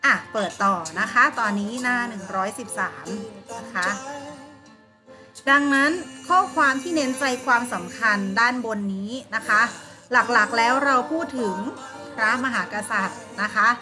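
A woman's voice: on the high side, moderate pace, music in the background. A woman teaching an online primary school class, patiently explaining and asking her pupils questions. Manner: patient, coaxing, asks pupils questions and answers them herself.

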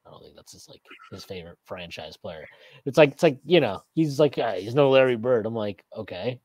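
Lively, rambling podcast host man. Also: medium pitch, fairly quick, no room sound. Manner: rambling, reads viewer comments, laughs often. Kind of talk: casual postgame chat. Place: small room indoors. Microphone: video call webcam.

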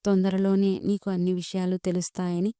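A woman's voice: fairly low pitch, completely flat delivery, brisk, mellow, clean tone, no room sound, clean studio sound, lightly acted. A woman voicing a teasing, stubborn young husband in a storybook reading. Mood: wistful.

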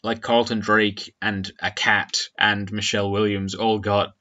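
Man, lowish voice, casual film review co-host, jokey, slips into quick impressions. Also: level tone, bright, forceful tone, lo-fi sound.

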